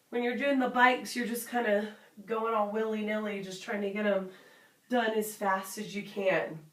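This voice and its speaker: Casting: female fitness instructor, unhurried and encouraging, cueing exercises informally in a roomy space, miked from a distance. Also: mid-range voice. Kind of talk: guided workout instruction.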